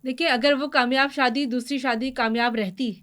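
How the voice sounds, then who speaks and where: A woman in her forties with a high voice, answering questions as a guest on a podcast. She speaks haltingly, restarting her sentences and dropping in English words. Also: fairly even intonation, fairly bright tone. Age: 40s. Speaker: interview guest. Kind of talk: podcast interview talk.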